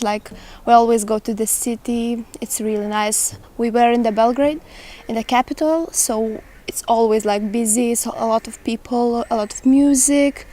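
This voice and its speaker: A woman's voice: a little high, a little mellow. A young woman at a youth exchange, talking in an upbeat way and saying "like" often. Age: young adult.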